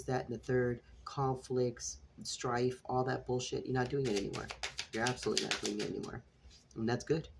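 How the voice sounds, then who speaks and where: A man's voice: mid-range voice, background noise. A man doing a freestyle tarot reading for his viewers. He talks casually, with lots of restarts and repetition, some swearing, and he calls his listeners "sweetheart" and "collective". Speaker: tarot reader.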